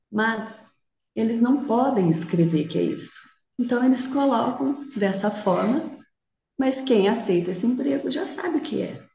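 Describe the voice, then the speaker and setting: A woman voicing a calm, protective male friend who gives quiet, earnest warnings. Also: medium pitch, vocal fry, echoey room, muffled recording, slight background noise.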